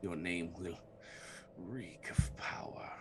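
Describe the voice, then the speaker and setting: A man voicing a sickly sweet, seductive queen of pox and rot in a soft, breathy ASMR role-play. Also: low-pitched, slow, a little hiss or hum, heavily acted. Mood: sweetly tempting.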